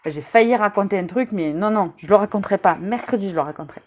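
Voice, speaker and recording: A woman's voice: medium pitch, fast. A woman giving a casual live-stream rune reading, chatty and teasing, talking straight to her viewers with many hesitant fillers. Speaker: rune reader.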